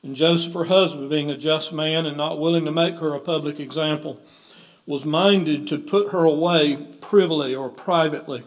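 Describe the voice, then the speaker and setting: In a church sanctuary, a pastor leads a service, first leading a hymn and then reading scripture aloud in a fairly high, steady voice at normal speed. The recording has a roomy church echo and organ music.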